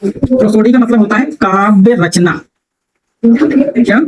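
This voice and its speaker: A man's voice: high-pitched, takes it slowly, background noise. A male teacher giving a grammar lesson to a classroom, constantly asking his students rhetorical questions.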